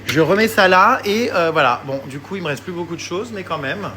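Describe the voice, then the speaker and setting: A man's voice: sits high, noisy background. A man chatting casually to his viewers from his home kitchen in a vlog. He gets worked up easily, swears freely and vents at length. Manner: excitable, quick to vent and swear, chatty. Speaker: vlogger.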